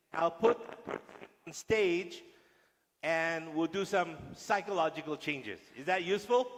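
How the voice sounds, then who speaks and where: In a big lecture hall with a long reverb, a male guest lecturer jokes with and teases an audience of police officers. His voice is high-pitched and fairly bright.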